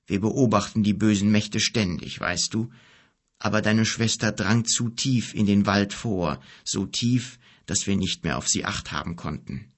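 Man doing a bearded wizard, grave and gentle, deep gravelly hush, husky, audiobook voice. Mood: solemn. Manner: solemn, hushed, unhurried. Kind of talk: audiobook character voice.

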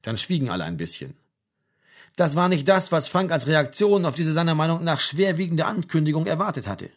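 Male audiobook narrator, calm and measured; husky, fairly high voice. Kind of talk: audiobook reading.

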